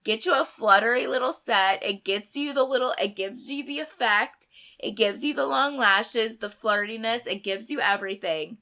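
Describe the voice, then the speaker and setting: A young woman reviewing a beauty box in a chatty, emphatic way, hoarse and sick with a sore throat. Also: a little high, sharp tone. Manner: chatty, emphatic, rambling asides. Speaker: beauty vlogger. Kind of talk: casual unboxing review.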